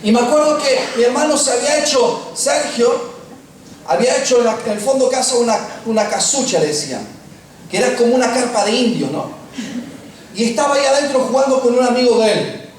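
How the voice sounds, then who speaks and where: A middle-aged man with an Argentine accent preaching a sermon, telling personal stories with humor and slowing down for emphasis. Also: extremely high pitch, expressive. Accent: Argentine Spanish. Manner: humorous storytelling, slows for emphasis. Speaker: pastor. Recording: echoey room, distant mic, faint noise.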